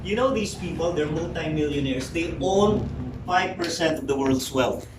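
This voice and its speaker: A fairly high-pitched man in his forties speaks at a normal speed, delivering a prepared, emphatic, rhetorical speech straight to his audience. He is a public speaker in a meeting room, recorded from a distance in a roomy hall with noise.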